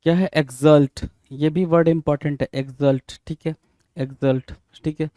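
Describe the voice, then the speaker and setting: A man's voice: fairly high pitch, fairly even intonation, normal speed, warm tone, no room sound, studio quality. A man teaching English vocabulary for exams, spelling words out letter by letter and prompting students with rhetorical questions. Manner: keeps asking "bhai?" as a rhetorical prompt. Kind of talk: exam-prep vocabulary lesson.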